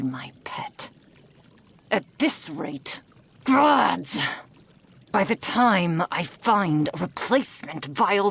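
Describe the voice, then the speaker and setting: In a fairly low, husky, heavily acted voice, she voices the possessive fox-spirit witch, menacing, cruelly affectionate and condescending, with frequent whispers. The mood starts cold and domineering, then turns angry and scolding.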